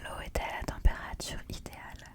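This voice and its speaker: A woman narrating an ASMR vlog in a quiet, hushed night-time whisper, close to the microphone. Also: quick pace. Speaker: vlogger narrating her trip.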